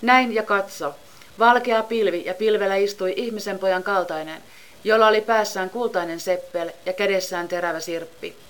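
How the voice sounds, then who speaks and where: A woman giving a measured, solemn scripted Bible reading. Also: mid-range voice, fairly bright tone. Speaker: scripture reader.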